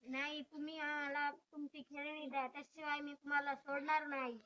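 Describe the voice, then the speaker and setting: A woman voicing a ghost girl who claims the place as hers and demands toys, with a slow, eerie drawl. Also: high-pitched, little pitch movement, bright, forceful tone, dull audio. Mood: menacing.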